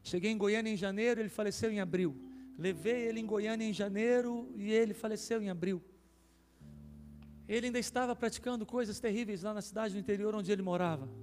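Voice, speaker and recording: In a reverberant church hall with gentle music playing, a man from Brazil preaches a testimony, his emotional story growing more intense at its high points. He has a high voice and talks a little fast.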